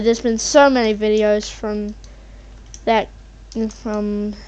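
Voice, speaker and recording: Slow, rambling woman gamer on muffled mic. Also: medium pitch, creaky, darkish tone. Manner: hesitant, meandering, thinking aloud. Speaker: video channel host. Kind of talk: casual rambling gameplay commentary. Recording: muffled mic with faint background noise, keyboard typing.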